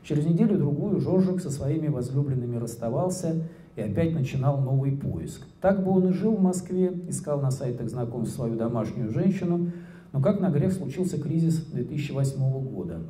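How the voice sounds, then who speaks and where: A man in his forties reads his short stories aloud in a calm, measured way, pausing between phrases. His voice is very dark and mellow. The sound comes through a handheld mic in a roomy, echoing hall. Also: mid-range voice, slight background noise. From Russia. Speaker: author reading his own stories. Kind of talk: public reading of short prose. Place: indoor hall at a book evening. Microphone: handheld microphone.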